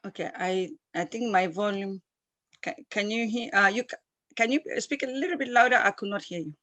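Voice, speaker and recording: A woman's voice: mid-range voice, a little fast, fairly bright tone, dry recording. A woman in her fifties who grew up in East Africa, a guest entrepreneur talking with passion and repeating her points for emphasis. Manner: emphatic and repetitive, speaks with passion. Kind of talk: interview, enthusiastic storytelling.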